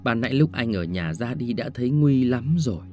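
Male audiobook narrator: lively, melodic delivery, warm mellow tone, faint music underneath. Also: mid-range voice, moderate pace. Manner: expressive storytelling, shifting tone with the scene. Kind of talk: scripted story narration.

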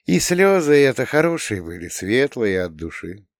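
A man voicing a kindly older mother who speaks gently and blesses her daughter. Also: medium pitch, big pitch swings, moderate pace, no echo, clean studio sound, pitched above the performer's own voice. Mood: gentle.

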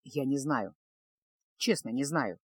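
Woman voicing a gloomy young mage guy in an audiobook, lowered voice, quiet. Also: animated, husky, no room sound, clean studio sound, heavily acted. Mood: despairing. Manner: subdued, low and halting. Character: young man, a brooding sullen mage.

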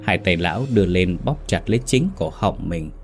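Deep-voiced man narrating a ghost story. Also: expressive. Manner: dramatic, measured storytelling. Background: faint music.

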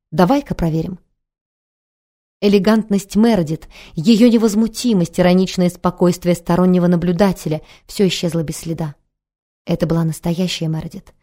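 A woman narrating an audiobook in a calm, measured reading. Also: fairly low pitch.

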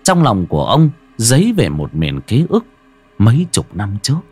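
A man reads a horror tale in a husky voice that swings through a very wide range of pitch, lingering slowly over each line for suspense. The recording is dry and close, with soft music underneath. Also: huge pitch swings. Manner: dramatic, suspenseful pacing with sharp drops and rises. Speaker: storyteller. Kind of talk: horror story narration.

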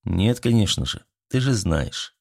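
Audiobook lover: male reader doing a patient, soothing young man, low and husky. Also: expressive, measured pace, full character voice. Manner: soothing, soft-spoken. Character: calm, caring young man, gentle and patient. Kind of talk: audiobook character voice.

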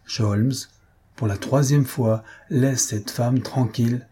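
A man reading the lines of a cool, commanding gentleman thief in an audiobook. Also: medium pitch, steady tone, slow, slightly rough. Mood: cold.

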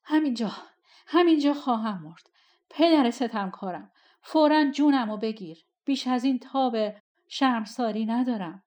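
A woman voicing a desperate young prince, breathless and shouting. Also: fairly high pitch, voice pushed up, lightly acted.

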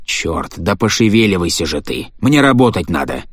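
A man's voice: sits low, big pitch swings, moderate pace, dry recording, studio quality. A man reading the part of a cold, impatient scientist husband in an audiobook, speaking curtly and with contempt. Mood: irritated. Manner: curt, impatient, sneering.

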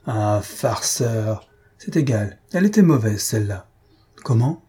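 A man's voice: on the low side, lively intonation, unhurried, dark tone, husky, full character voice. A man voicing a jolly, chatty young male pharmacist who keeps laughing. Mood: amused.

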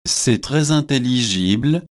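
A provocative young student makes his case in a storybook, read out by a man. The delivery is very slow and measured. The voice sits at an ordinary pitch. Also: animated, no echo, studio quality. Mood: arguing.

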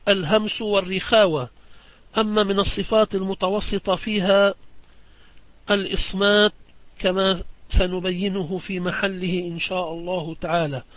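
Man, high voice, Quran recitation lesson, slow chanted examples, dry muffled recording. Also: a bit bright, no echo. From Palestine. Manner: demonstrates recitations slowly and with emphasis, repeats phrases; explanatory, asks students whether it is clear. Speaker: sheikh teaching Quran recitation. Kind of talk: religious lesson on Quranic readings.

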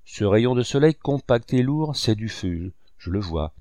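A man's voice: lowish voice, expressive, unhurried, dark tone, no echo, clean studio sound. A man reading aloud voices an ardent young painter, earnest and instructive, who turns to tender pleading.

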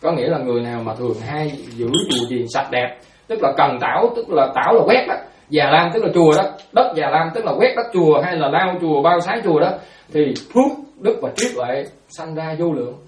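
Fields: male Buddhist monk. Style: fast, animated dharma storytelling with a fairly high voice. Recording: roomy, distant. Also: slight background noise. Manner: animated storyteller, repeats words, acts out quotes.

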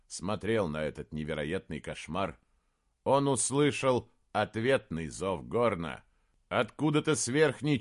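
A man narrating a fantasy audiobook in a steady, even reading voice. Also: lowish voice. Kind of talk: scripted narration.

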